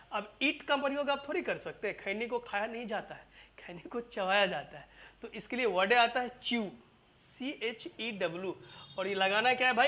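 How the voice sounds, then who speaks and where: A teacher runs a classroom grammar lesson, and the voice has a bright, sharp edge. The teacher goes over each example more than once and keeps checking that the students are following, calling them "babu" and "bhai". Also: mid-range voice. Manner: repetitive, keeps asking "clear?" and calls students "babu" and "bhai". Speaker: English teacher.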